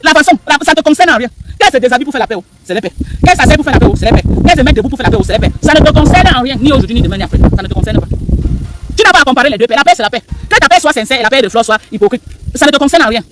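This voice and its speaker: Commentator: man with a very high, bright voice, rapid emphatic delivery, rhetorical questions. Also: expressive, a little hiss or hum. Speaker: live stream commentator. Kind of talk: animated live stream commentary.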